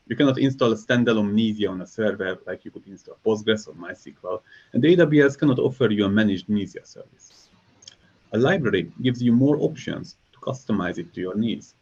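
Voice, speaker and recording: A software engineer from Hungary gives a scripted conference talk in a low, slightly husky voice. His delivery is measured and explanatory, with a dry ironic edge now and then. The recording sounds a little muffled.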